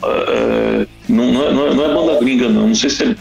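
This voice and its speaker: A man's voice: mid-range voice, quick pace, creaky, reverberant, rough recording. A Brazilian man giving a casual, hesitant music review with many restarts and hedges. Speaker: panelist.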